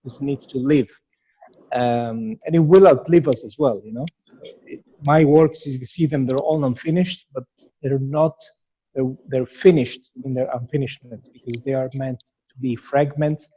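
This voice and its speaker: Reflective man with a mellow voice. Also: mid-range voice, normal speed, husky, muffled recording. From Iraq. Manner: thoughtful, reflective, with many restarts and fillers. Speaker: sculptor. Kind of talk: interview answers.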